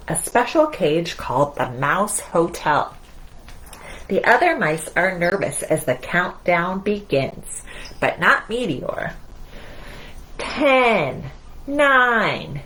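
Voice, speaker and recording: A woman children's librarian with a mid-range, fairly bright voice hosts a storytime of movement and read-aloud, speaking to young children in an encouraging, singsong way. The audio quality is poor.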